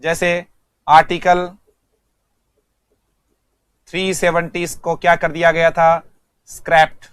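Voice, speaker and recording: A man's voice: fairly high pitch, monotone, slow, long pauses, fairly bright tone, clear, resonant tone, no room sound, studio quality. A male English teacher giving an online vocabulary lesson, speaking, repeating words and quizzing students.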